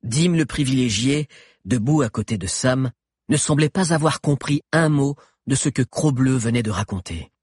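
A man tells an adventure in the first person with steady, dramatic storytelling. His voice is very husky and breathy at a mid pitch. The recording is dry and close, with no room around it. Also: normal speed, no room sound. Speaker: audiobook narrator. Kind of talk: first-person scripted narration.

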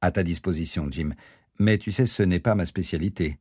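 A man reading an audiobook plays a weary, wry doctor who talks in a calm, explaining manner. The voice is very deep and husky. It is recorded close to the mic, with a dry sound. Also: moderate pace, no echo. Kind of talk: audiobook character voice.

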